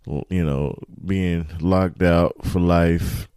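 Man, deep voice, dry close studio sound, casual podcast host, rambling, animated, informal. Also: takes it slowly, clear, resonant tone, no echo. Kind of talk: casual solo morning podcast chat. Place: home studio.

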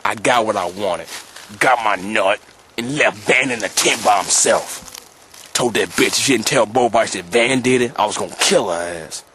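Deep-ish male voice, hushed and matter-of-fact, recorded outdoors with faint background noise. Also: normal speed. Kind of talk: confessional monologue. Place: outdoors in the woods.

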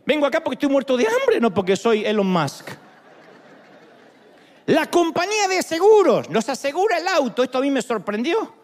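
Lively, animated preacher man. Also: extremely high pitch, normal speed. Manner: animated, jokes, acts out dialogues. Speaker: pastor. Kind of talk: sermon with humorous stories.

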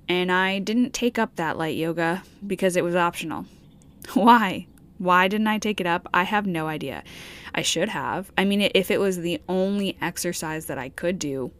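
An American woman from New York hosting a casual solo podcast from inside a parked RV, chatting directly to her listeners. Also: fairly low pitch. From New York, United States. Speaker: podcast host.

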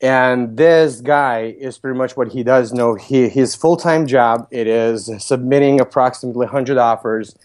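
A man's voice: medium pitch, normal speed, few pauses, darkish tone. A man in his thirties from Lithuania, speaking with a Lithuanian accent, answering interview questions as a guest in a matter-of-fact, businesslike way. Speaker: podcast guest, real estate broker.

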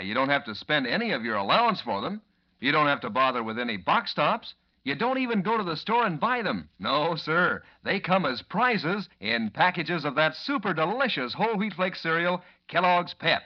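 A fairly high-voiced American man pitching like a 1940s radio announcer. He is folksy and enthusiastic, with lively, swooping intonation. The sound is dull old radio. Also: normal speed. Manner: folksy, enthusiastic, addressing young listeners. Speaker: commercial announcer. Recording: dull, lo-fi vintage radio recording.

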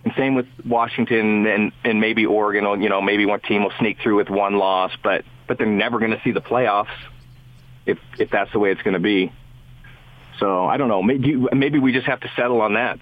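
A man's voice: fairly low pitch, no echo. A man calling in as a sports radio guest, talking in a casual, rambling way with lots of restarts and small chuckles. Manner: rambling, restarts often, chuckles between thoughts. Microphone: phone call. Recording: tinny phone line.

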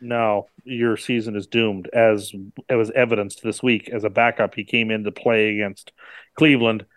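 A man's voice: fairly low pitch, level tone, moderate pace, a bit bright, no echo. A man co-hosting a casual sports betting chat, blunt and opinionated. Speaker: co-host.

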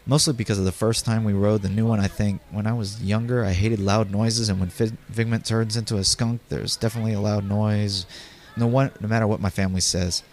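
A man's voice: lowish voice, level tone, brisk, darkish tone. A man hosting a podcast, narrating personal memories in a conversational way and speaking directly to his listeners. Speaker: podcast host.

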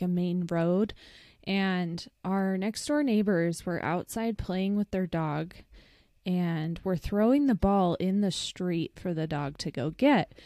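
A woman's voice: fairly low pitch, a little mellow, no echo, clean studio sound. A woman co-hosting a podcast in a casual chat, laughing often and filling her talk with "like". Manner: chatty, laughs often, lots of "like". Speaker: podcast co-host. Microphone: remote call mic.

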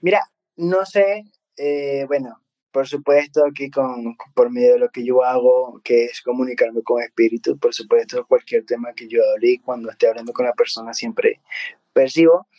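A man's voice: mid-range voice, fairly even intonation, normal speed, dark tone, highs cut off. A man who works as a spiritual medium, talking casually and earnestly, often tagging his sentences with a questioning "ok?". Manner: earnest, keeps adding a questioning "ok?" tag. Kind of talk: casual conversation.

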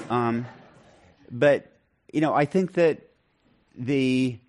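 A man answering interview questions as an author, in a measured way with frequent ums and restarts. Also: mid-range voice, darkish tone.

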